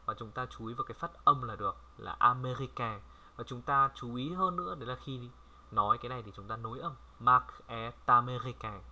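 Bright-voiced man tutoring casually. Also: medium pitch. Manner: chatty, repeats words slowly for viewers to copy. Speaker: French language tutor. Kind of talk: casual screen-recorded lesson.

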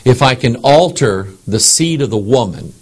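A man voicing a scheming male devil in a sly, hushed, musing way during a Bible teaching. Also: mid-range voice, animated, moderate pace, slightly rough. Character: scheming male devil plotting against mankind.

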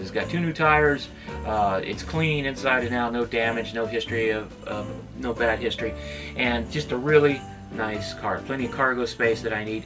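A middle-aged RV travel vlogger talks casually and upbeat to camera inside his Christmas-decorated RV, full of fillers, in a mid-range voice. The camera sits at a distance, so he sounds a little far from the mic, with music behind.

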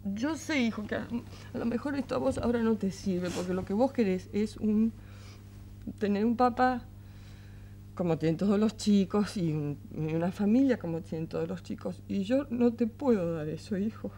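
An actress with a Rioplatense accent playing a tender, weary single mother who soothes her young son in a soft, coaxing voice that often sinks to a murmur. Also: mid-range voice, animated, moderate pace, a little hiss or hum, close to an everyday voice. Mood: tender, earnest. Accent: Rioplatense Spanish. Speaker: mother of an eleven-year-old boy. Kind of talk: 1980s television drama acting.

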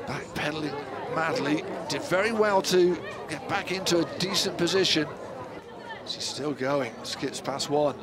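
High-voiced male football commentator. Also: unhurried. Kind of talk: live match commentary. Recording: loud crowd and outdoor stadium noise.

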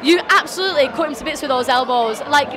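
A woman's voice: high voice, fast. A young woman, an enthusiastic and effusive interviewer chatting casually after a fight on a handheld microphone. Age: young adult. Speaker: interviewer, host. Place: busy indoor event venue, in front of backdrop. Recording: loud crowd and music behind.

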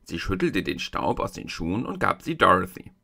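A man reading a fairy tale aloud as a storyteller, in an expressive, sing-song reading voice. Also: deep voice, normal speed, vocal fry. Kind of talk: storybook read-aloud narration.

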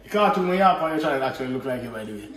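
A man's voice: medium pitch, expressive, racing, a bit bright. A man in his thirties from Jamaica with a Jamaican accent, hosting a casual cooking vlog in an easygoing, chatty manner. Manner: easygoing, chatty, patois-flavored banter. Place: home kitchen, indoors. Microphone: camera mic at a distance. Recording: roomy kitchen echo, distant mic, clear background noise.

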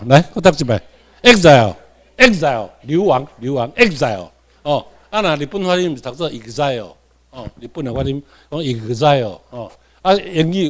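A man from Tainan, Taiwan, with a Taiwanese accent, giving a classroom lecture. He repeats key points and keeps checking in with his students. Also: fairly high pitch.

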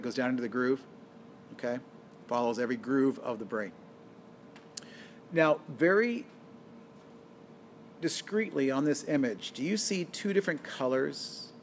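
A man's voice: medium pitch, moderate pace, long pauses. Male biology lecturer, mid-range voice, screencast lecture, quizzes students then answers, faint hiss. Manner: asks the class questions and answers them himself; explains step by step and corrects himself.

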